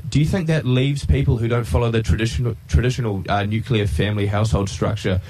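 A man with a New Zealand accent asking polite, halting questions as a radio interviewer. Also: on the low side, fairly even intonation, dark tone, low-quality recording.

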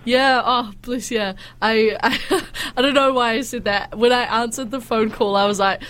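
A woman's voice: on the high side, steady tone, normal speed, fairly bright tone. A woman with a stuffy nose from a cold, hosting a radio interview in an effusive, encouraging way. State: has a head cold. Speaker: radio breakfast show host. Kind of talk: friendly live radio interview.

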